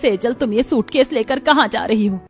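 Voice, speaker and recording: A woman's voice: a little high, normal speed, faint music behind, lightly acted. Worried mother, voiced by a woman. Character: anxious middle-aged mother of the house.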